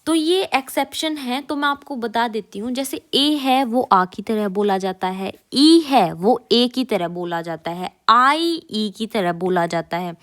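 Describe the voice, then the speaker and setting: Brief: female teacher, unhurried, slightly high voice, repeats sounds for learners. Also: a bit bright. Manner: repeats each sound slowly and clearly for learners. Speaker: German teacher. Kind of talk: casual spoken lesson.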